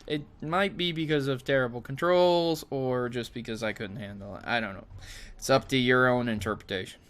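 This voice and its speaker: A young man co-hosting a casual podcast chat, trading deadpan teasing jokes with his friend. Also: medium pitch, moderate pace. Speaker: podcast co-host.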